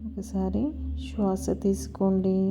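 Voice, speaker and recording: A woman slowly and softly guiding a body-scan meditation, with long pauses. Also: medium pitch, completely flat delivery. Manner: slow, soft and soothing, with long pauses. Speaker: meditation guide. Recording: slightly dull audio with music behind. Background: soft music and a singing bowl.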